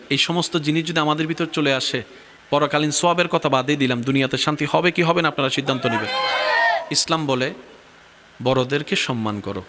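A man preaching a sermon, building to shouted peaks and calling on the crowd to answer him. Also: medium pitch. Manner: rousing, swings to shouted climaxes. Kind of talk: sermon with crowd call-and-response. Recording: loud crowd and heavy noise at a religious gathering. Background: large crowd.

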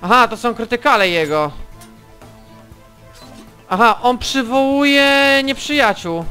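Man, high bright clear voice, unhurried let's-play commentary, taunts foes, faint music under. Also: animated. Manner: swears and taunts enemies while playing. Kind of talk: casual gameplay commentary.

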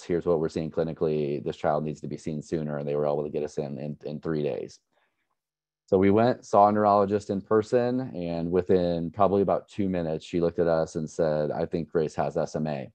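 Man, very low voice, mellow tone, earnest measured personal account, parent speaker. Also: dry recording. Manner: earnest, measured, with frequent restarts and fillers. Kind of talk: personal account at an education session.

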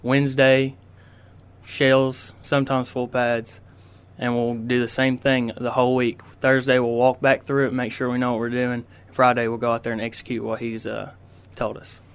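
A teenage boy answers a radio interviewer, polite and hesitant, pausing often on ums and uhs. His voice is smooth and clear but stays flat, with little rise or fall. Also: medium pitch. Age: teens. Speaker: high school quarterback guest. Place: radio studio.

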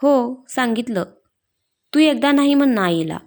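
A woman's voice: sits high, animated, measured pace, a little mellow. A woman voicing a playful, teasing young husband who is a police officer, in a read-aloud story. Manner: teasing, affectionate.

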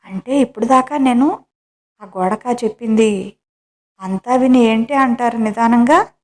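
Storybook wife, middle-aged, indignant and sharp, put on by a woman reader. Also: mid-range voice, normal speed, natural voice. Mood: scolding. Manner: sharp, raised scolding.

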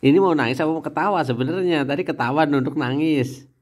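A man's voice: a little high, fast. A man, teasing and playfully coaxing his family while filming a casual home video on a handheld phone.

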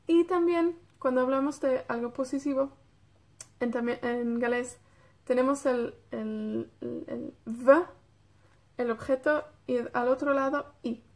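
Slow, high-voiced Welsh woman teaching. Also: a little mellow. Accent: North Welsh. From Wales. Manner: patient, checks in with "¿ok?" and drills words slowly. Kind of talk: beginner language lesson in Spanish.

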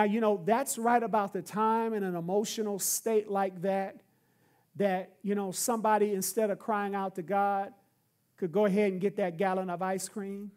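Pastor, sermon, emphatic, repeats refrains, mid-pitched voice. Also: darkish tone. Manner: emphatic, repetitive preaching with refrains.

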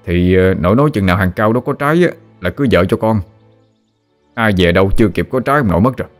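A man's voice: lowish voice, lively intonation, fast talker, soft background music, natural voice. A man voicing an exasperated son in his thirties, protesting.

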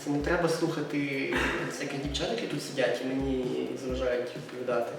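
Fast-talking cocky young man joking. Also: mid-range voice, flat delivery, gravelly, noisy background. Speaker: friend taking a quiz. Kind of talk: casual chat. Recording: echoey room, mic at a distance, music behind.

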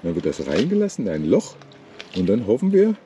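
Out on a sailboat in a lagoon, a sixties-aged man gives casual running commentary for his sailing vlog, teasing his partner wryly as he films. His dark-toned voice swoops wildly in pitch at a fairly quick pace, over outdoor wind and water noise.

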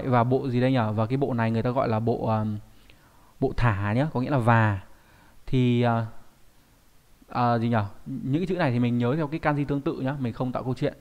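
During an online kanji lesson, a man speaks in a conversational style, repeatedly asking rhetorical questions. He says the Japanese words with slow care, and his voice is mid-range with a darkish tone.

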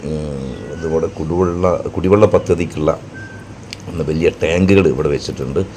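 A man with a Kerala Malayali accent narrating a casual travel vlog in halting, repetitive phrases. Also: rumbling low, darkish tone. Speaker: vlogger and narrator. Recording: clear background noise, outdoor ambience.

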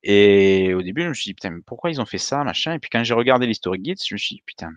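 A man's voice: lowish voice, expressive, rapid-fire, no room sound, dull audio. A man in his thirties giving a meetup talk over slides on a webcam, hesitant with many fillers and restarts. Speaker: meetup presenter. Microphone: webcam on a video call.

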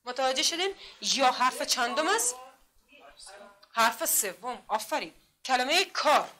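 A woman teaching literacy in a classroom, speaking with an Afghan Dari accent, patiently repeating herself and sounding out letters slowly. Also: high-pitched, big pitch swings, pushed and bright. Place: classroom with a board.

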